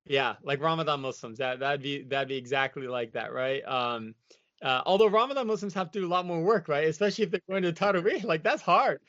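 With a fairly high pitch and a fairly bright tone, an American man talks briskly, and there is no room sound. He is an interview guest reflecting casually, drifting along with frequent "you know" and "like." It's a dull, dry, lo-fi recording.

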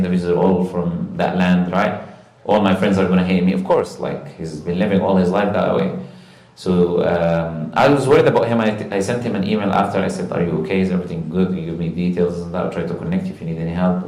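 Earnest low-voiced man in a roomy space. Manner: earnest, animated storytelling with religious phrases. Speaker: guest recounting a live stream encounter. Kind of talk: conversational religious talk. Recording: roomy echo.

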